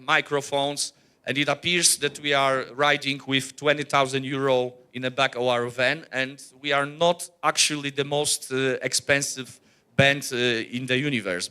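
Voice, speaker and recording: Bright-voiced man giving a talk. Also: medium pitch, clear, resonant tone. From Poland. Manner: earnest, blunt, with many "uh" fillers and restarts. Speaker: workshop presenter, rock musician. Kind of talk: workshop presentation.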